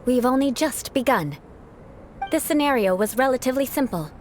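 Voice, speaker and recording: A woman's voice: high-pitched, animated, normal speed, slight background noise. A woman playing a proud aristocratic young knight in a video game, an exacting mentor who speaks in a poised, formal, condescending way. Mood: poised, stern. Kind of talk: video game character acting. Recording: music bed behind the voice.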